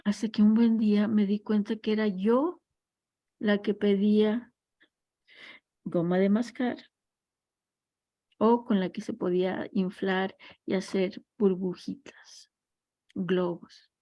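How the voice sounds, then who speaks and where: A woman's voice: medium pitch, fairly even intonation, slow, long pauses, no room sound, dull audio. A woman teaching a class on family constellations, speaking reflectively and weaving in parables and personal stories. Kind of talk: recorded class lecture.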